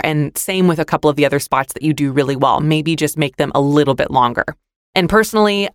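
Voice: medium pitch, dry recording, studio quality. A podcast host giving friendly, constructive feedback on voice demos, with casual fillers. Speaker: podcast host, demo reviewer. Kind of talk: instructional podcast critique.

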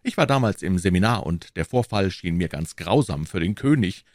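Brief: male narrator doing a refined young musketeer, high and coy, lively and dry. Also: normal speed, dry recording. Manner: high, strained, coy delivery. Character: refined, evasive young musketeer, former seminarian.

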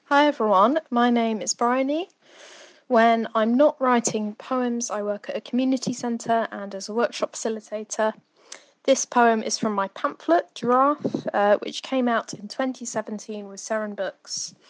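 A woman's voice: on the high side, normal speed, dry recording, poor audio. A woman poet introducing her own work for a reading. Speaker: poet and workshop facilitator. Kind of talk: spoken introduction to a poetry reading.

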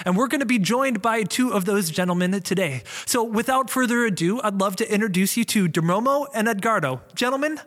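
A man's voice: high-pitched, lively intonation, a little fast, few pauses, fairly bright tone. A man who is a pastor, hosting a church conversation show in a welcoming, upbeat way. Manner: upbeat, welcoming host patter. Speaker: pastor and host. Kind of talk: hosted church talk show.

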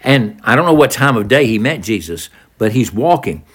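A man's voice: mid-range voice, big pitch swings, normal speed, fairly bright tone, a little hiss or hum. A man preaching an expository sermon, retelling a gospel story and acting out the pleading voices of its people.

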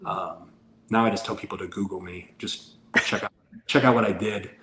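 A man's voice: deep voice, fairly even intonation, moderate pace, a bit bright. Candid man in his forties, roomy sound. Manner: candid storyteller who acts out dialogue. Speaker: podcast guest. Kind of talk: casual interview talk. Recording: roomy sound with faint background noise.

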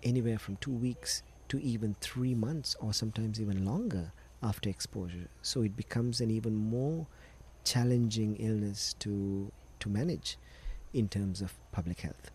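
A man's voice: on the low side, moderate pace, hardly any pauses, darkish tone, breathy edge. A middle-aged man from Sri Lanka, a doctor patiently explaining medical matters as a guest on a podcast interview.

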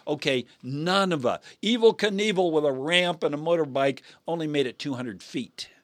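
A man's voice: a little high, moderate pace, no room sound. Earnest preaching man on dry radio. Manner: earnest preaching with frequent laughs. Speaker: pastor and radio co-host. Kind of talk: radio Bible teaching talk.

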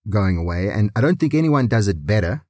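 A man's voice: fairly low pitch, big pitch swings, a little fast, very noisy. A man, bantering emphatically as a podcast co-host. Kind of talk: casual chat.

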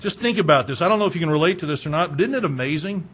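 A male pastor with a slightly high, husky voice races through a sermon with lively intonation, shifting between hushed and raised lines. He asks listeners rhetorical questions and repeats words to build each point.

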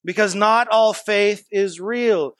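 A man's voice: high voice, takes it slowly, a bit bright, no room sound, studio quality. A man preaching to a congregation in a church, in a chatty, folksy way with stories and asides. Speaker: pastor. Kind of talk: conversational sermon.

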